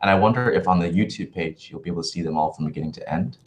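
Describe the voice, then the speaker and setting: A man chatting casually as a livestream host in a halting, rambling, thoughtful way, with livestream headset-style audio. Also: sits low, muffled recording, slight background noise. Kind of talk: casual livestream chat answering viewer questions.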